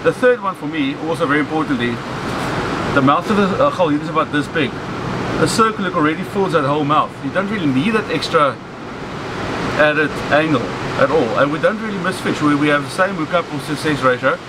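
A man in his forties with a South African accent, teaching fishing on a beach in a relaxed, practical way. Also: a little high, brisk. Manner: relaxed, practical explaining with many "so" and "okay". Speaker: fishing instructor. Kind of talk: outdoor how-to demonstration. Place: open beach by the surf. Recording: loud surf and wind noise. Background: crashing waves.

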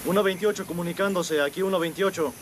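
An actor playing a brisk patrol officer urgently radioing in a procedural report in a horror film. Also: male voice, sits high, crowd noise, lightly acted. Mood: urgent, official.

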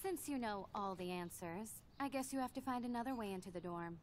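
A snobby teenage mean girl voiced by a woman in a video game. She sneers and condescends at a middling pitch, with faint noise behind her. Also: lively intonation, brisk, natural voice. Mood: mocking, sneering.

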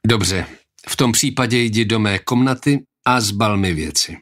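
A man reading an audiobook, voicing a male nobleman who speaks in a measured, reproachful way. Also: lowish voice, fairly bright tone, natural voice. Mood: commanding.

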